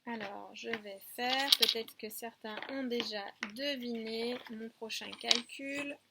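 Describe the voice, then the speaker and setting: A woman with a French accent, teaching young children at home by video, speaking slowly and clearly and drawing out numbers and syllables. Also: fairly high pitch, fairly even intonation, heavy background noise. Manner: slow, clear, drawn-out counting and syllable spelling. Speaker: preschool teacher.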